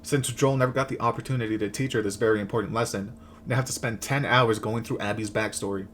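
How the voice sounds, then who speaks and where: A man's voice: on the low side, steady tone, quick pace, fairly bright tone, slight background noise. A man delivering a scripted comedic rant as host, with sarcastic, crude, slangy jokes. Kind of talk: comedic rant recap of a video game, scripted narration.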